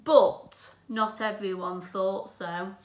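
An English woman with a mid-range voice reads a picture book aloud to young children, speaking slowly and steadily like an infant teacher, with expression and encouraging asides. She's indoors in a small room at home, and the recording sounds roomy and echoey.

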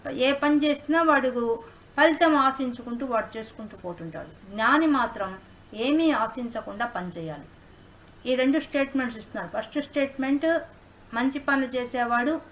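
A woman's voice: sits high, a bit bright, a little hiss or hum, poor audio. A woman spiritual teacher explaining scripture in an online class, mixing in English words.

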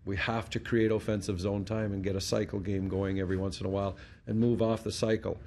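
Speaking quickly in a lowish, flat and slightly mellow voice, a middle-aged Canadian hockey head coach answers reporters at a post-game press conference. He uses a desk mic on a stand in front of a sponsor backdrop, with slight background noise. He's blunt, matter-of-fact, and often restarts words.

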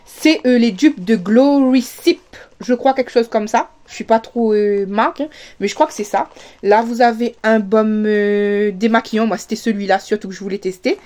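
A woman's voice: a little high, moderate pace, darkish tone. A woman with a Réunion French accent, chatting casually to camera as she unboxes parcels, full of fillers and restarts. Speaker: vlogger.

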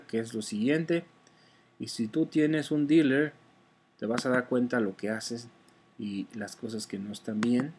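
A man's voice: medium pitch, slight background noise. A man teaching car sales in a casual, conversational way, often checking in with his listener and correcting himself as he goes. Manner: conversational, often adds "¿verdad?"; frequent fillers and self-corrections. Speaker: online sales instructor.

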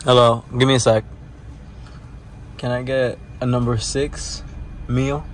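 A man calls his order out of a car window at a drive-through, casual and a little teasing. His pitch sits in an ordinary middle range, and faint traffic noise hums behind him. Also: flat delivery, slow pace. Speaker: vlogger.

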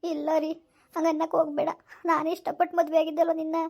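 A woman playing a very high-voiced tearful young wife. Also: flat delivery, fast talker, vocal fry, darkish tone. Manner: tearful, pleading. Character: tearful young pregnant wife missing her mother. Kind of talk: village skit acting.

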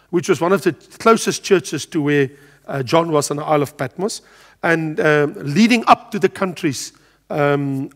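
Older guy in his 60s teaching bible study, high lively voice, lots of ums, echo trailing off. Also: slightly rough. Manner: animated, gestures broadly at a pulpit, frequent filler sounds. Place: studio with a world map backdrop, standing at a lectern.

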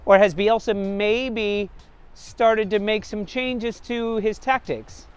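A man in his forties hosting a casual football fan show, standing outdoors on a city stoop, animated and quizzing his guests. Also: high-pitched, takes it slowly, slight background noise. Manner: animated, hand-waving, questions to guests. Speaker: host. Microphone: camera at a distance, standing.

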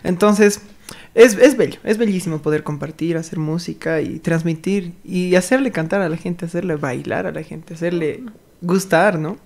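A musician man speaking in a reflective, warm casual chat and laughing as he talks. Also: on the high side, moderate pace, creaky. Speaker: guest musician.

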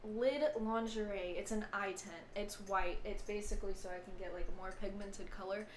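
A young woman chatting casually as she talks through a makeup tutorial step by step, giggly and relaxed. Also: medium pitch, moderate pace. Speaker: makeup vlogger. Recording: echoey room with clear background noise.

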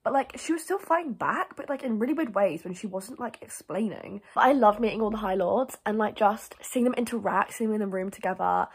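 A woman's voice: mid-range voice, a little fast, hardly any pauses, breathy edge. A young woman chatting casually about books in a reading vlog, gushing and filling her talk with "like". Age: young adult. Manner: chatty, gushing, heavy use of "like". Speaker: book vlogger.

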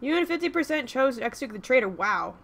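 A woman's voice: high voice, sing-song, fast talker, fairly bright tone. A woman giving emotional, exclaiming commentary as she plays a story game. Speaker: let's play host. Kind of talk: gaming commentary. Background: game music.

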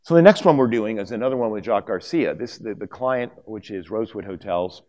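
Low-voiced man presenting at a conference. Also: animated, brisk, darkish tone. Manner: conversational, with many fillers and restarts. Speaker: conference speaker. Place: conference hall stage, at a lectern. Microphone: lapel mic.

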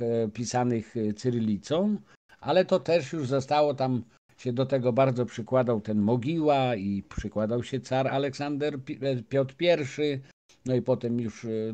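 A man gives a lecture-style talk as a guest, addressing his listeners directly. He speaks haltingly, stumbling and restarting often between filler sounds. His voice is dark and mellow, at an ordinary male pitch.

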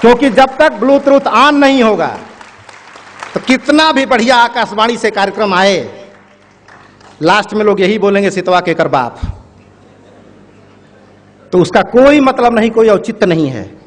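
Male public speaker, high-pitched, storytelling, addresses the crowd directly, reverberant hall. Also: expressive, moderate pace. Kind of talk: motivational speech with a parable. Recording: echoey hall.

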